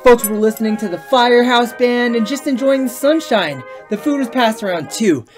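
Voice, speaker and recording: Her pitch sits on the high side this time, at normal speed and only lightly acted, as she plays the earnest, good-natured little creature in a fan comic dub. The storytelling tone stays chatty, and music plays behind her.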